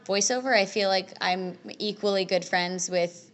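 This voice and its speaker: A woman's voice: medium pitch, steady tone. A young adult woman, an actress, chatting upbeat in a casual convention interview. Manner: chatty, upbeat, quick restarts. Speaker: voice and screen actress, interview guest.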